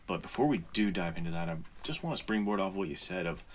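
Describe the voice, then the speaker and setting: A podcast co-host with a deep, expressive voice talks fast, chatting informally and earnestly like an appreciative buddy. There is faint background noise behind the casual conversation.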